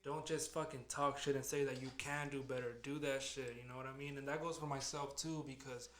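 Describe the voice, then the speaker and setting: A podcast host in his late twenties talks loosely and profanely in a casual chat that turns motivational. His medium-pitched voice is flat, fairly quick, and a bit bright, recorded in an echoey room with a little hiss or hum.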